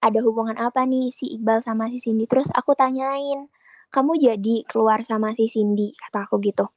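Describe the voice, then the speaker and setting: A woman's voice: a little high, fairly even intonation, fairly quick, a little mellow, no room sound, dull audio. A young woman telling a podcast host about her relationship in casual chat, retelling both sides of the conversation. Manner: chatty, retells conversations with quoted dialogue. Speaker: guest sharing a relationship story.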